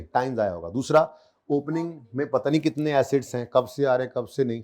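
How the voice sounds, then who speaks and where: A man with a Pakistani Urdu accent and a mid-range, slightly mellow voice teaches an accounting class. He keeps it conversational, quizzing his students and teasing them a little. It's a classroom lecture in a room with a board.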